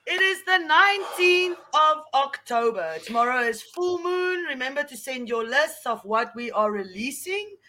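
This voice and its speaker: A woman's voice: high voice, animated, moderate pace, hardly any pauses, sharp tone. A woman co-hosting a casual live show, sharing an inspirational message with enthusiasm. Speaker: co-host. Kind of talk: casual live-stream chat.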